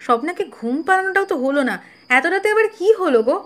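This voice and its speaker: Woman voicing a worried caring wife, high lively voice, faint music behind. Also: fast. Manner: concerned, questioning, affectionate. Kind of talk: Bengali audio drama acting.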